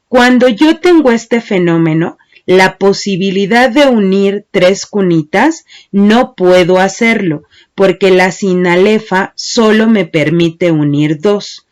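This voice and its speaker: A woman teacher giving a methodical lesson, patiently explaining step by step and counting syllables aloud one by one. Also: mid-range voice. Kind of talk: slow, methodical class lecture.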